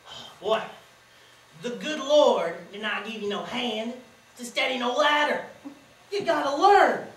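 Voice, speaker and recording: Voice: medium pitch, expressive, unhurried, fairly bright tone. A student performer playing a boastful, sly old country grandfather who lectures with a cackling folksy drawl, on a school stage. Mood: boisterous. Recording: distant echoey auditorium recording.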